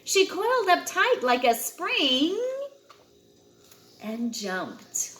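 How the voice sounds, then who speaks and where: Reading very slowly to a child, a woman brings a picture book to life with dramatic emphasis on important words. Her pitch sits fairly high and moves through a wide range, while noticeable room echo and slight background noise surround her expressive delivery.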